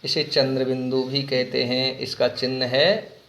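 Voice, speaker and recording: A man teaching a grammar lesson to children, asking them questions and repeating key words slowly. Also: medium pitch, level tone, a bit bright. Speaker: Hindi teacher. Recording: echoey room.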